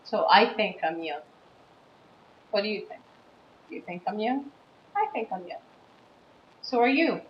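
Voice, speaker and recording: A woman in her thirties, a teacher from the USA, giving a writing lesson and explaining slowly and patiently, stressing key words. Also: mid-range voice, animated. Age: 30s. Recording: dull, roomy recording with faint background noise.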